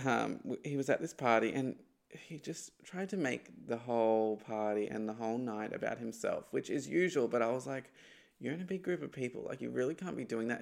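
A man's voice: medium pitch, vocal fry. A young man with a lisp, hosting a casual solo podcast and telling a gossipy story with laughing asides. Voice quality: lispy. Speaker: podcast host.

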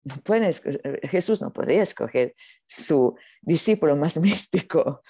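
A non-native Spanish speaker giving an earnest, unscripted spiritual talk, haltingly searching for words. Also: mid-range voice, expressive, warm tone, slightly rough, no echo. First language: not Spanish. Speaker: spiritual teacher being interviewed.

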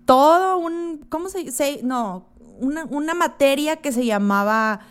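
A woman's voice: sits high, expressive, measured pace. A woman with a Mexican Spanish accent, co-hosting a podcast in casual chat, sharing facts and statistics in loose slang. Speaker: podcast co-host.

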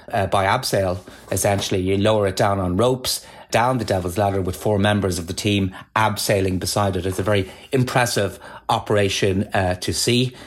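A man from Galway with a west of Ireland accent, explaining things as an interview guest in a measured, discursive, conversational way. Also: lowish voice.

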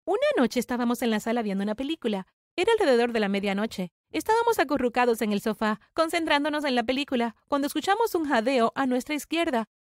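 Young woman narrating a drama story, high voice, very dry close sound. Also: big pitch swings, fast talker, dry recording. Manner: dramatic confessional telling. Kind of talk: first-person story narration.

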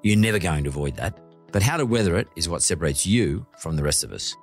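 A man's voice: sits low, animated, fast talker, soft background music. A man hosting an interview podcast, asking probing follow-up questions. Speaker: podcast host.

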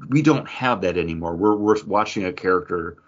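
A deep-voiced man speaking a little fast co-hosts a pop culture podcast, chatting casually in a jokey, conversational way. The podcast audio is dull and lo-fi.

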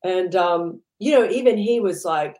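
A woman's voice: lowish voice, lively intonation, a little slow, mellow, roomy sound. A woman entrepreneur being interviewed, chatting casually and rambling with lots of "you know" fillers. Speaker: entrepreneur guest.

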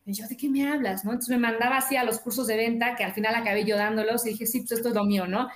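Woman guest, upbeat coach telling stories, voice a bit high, echoey room. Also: flat delivery, rapid-fire. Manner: upbeat, tells stories with quoted dialogue. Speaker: guest author and sales coach. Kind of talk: casual interview chat. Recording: roomy echo.

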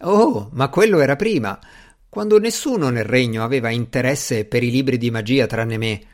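A man's voice: mid-range voice, animated, normal speed, natural voice. A man reading a fussy, fretful old magician. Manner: fretful, possessive pleading. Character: fussy anxious middle-aged male magician. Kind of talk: audiobook character reading.

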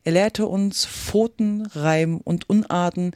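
A reader voicing a sad, sighing mock turtle, speaking slowly and plaintively in a storybook reading. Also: medium pitch, fairly even intonation, a little mellow, dry recording, studio quality, natural voice. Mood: mournful. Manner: slow, drawn-out, plaintive. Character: mournful sighing mock turtle from a fairy tale. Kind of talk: reading a children's classic aloud.

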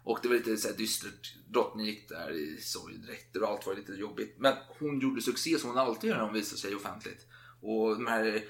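A man telling a history story in a loose, chatty way, with plenty of casual swearing. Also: lowish voice. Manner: chatty, swears freely, acts out quotes. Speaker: podcast co-host. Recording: roomy echo.

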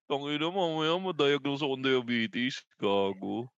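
A man's voice: mid-range voice, expressive, a little slow, clear, resonant tone, no room sound, lo-fi sound. A married Filipino man co-hosting a podcast, joking crudely and laughing a lot as he riffs on silly ideas. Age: adult, married. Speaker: podcast co-host. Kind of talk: casual joking chat.

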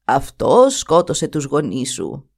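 A woman voicing a proud old grandmother who is a rainbow spirit, speaking slowly and grimly in a storybook reading. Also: extremely low pitch, wildly swooping pitch, vocal fry, darkish tone, slightly rough, voice pushed down, full character voice. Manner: slow, grim, boastful.

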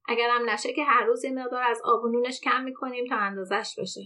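A woman's voice: a little high, fairly even intonation, bright, forceful tone. A woman reading the lines of a practical, plainspoken village man in a story. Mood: plain.

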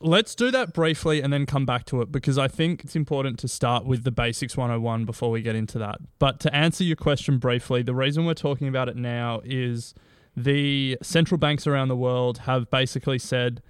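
A man co-hosts a casual investing chat while recording from beneath a blanket at home. The sound is muffled-dry with no room around it, but his voice stays smooth and resonant. He tosses in deadpan jokes as he goes. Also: medium pitch, brisk, dry recording. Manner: dry, joking asides. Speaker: podcast co-host.

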